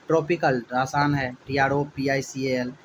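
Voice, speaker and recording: A man teaching a spelling lesson for exam students, spelling words out letter by letter and repeating each syllable slowly. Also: medium pitch, fairly even intonation, a little hiss or hum, rough recording.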